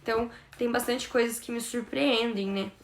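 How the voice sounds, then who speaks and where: A young woman from Brazil talks through her study notes in a casual, enthusiastic vlog. Her voice sits a little high with a gravelly, creaky edge, and she keeps the talk loose and chatty. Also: fairly even intonation, moderate pace, a little hiss or hum. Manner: chatty, enthusiastic, many fillers. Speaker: vlogger and English teacher.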